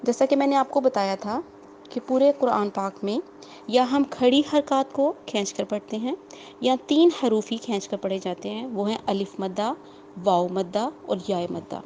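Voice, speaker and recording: A woman teaching a tajweed lesson, explaining rules patiently, repeating them, quizzing her students and drawing out the example words slowly. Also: fairly high pitch, mellow, slight background noise, rough recording. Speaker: Quran recitation teacher.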